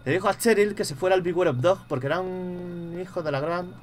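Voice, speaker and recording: A young man with a Spain Spanish accent, commentating a horror game live, muttering to himself and bursting into loud startled swearing. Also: high-pitched, a little fast, a little hiss or hum. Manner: mutters quietly to himself between outbursts. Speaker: gaming streamer.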